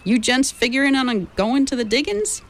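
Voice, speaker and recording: A woman's voice: high-pitched, big pitch swings, moderate pace, pitched above the performer's own voice. A woman reading an audiobook, voicing a talkative, eccentric male gold miner with a drawling frontier dialect. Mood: genial. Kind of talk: audiobook character voice.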